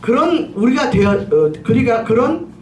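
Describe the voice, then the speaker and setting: Animated woman preacher in a roomy hall. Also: a little slow, a little hiss or hum. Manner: animated, emphatic preaching with swooping pitch. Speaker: pastor, preacher. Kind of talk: sermon with personal testimony. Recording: roomy echo, distant mic, faint ambience.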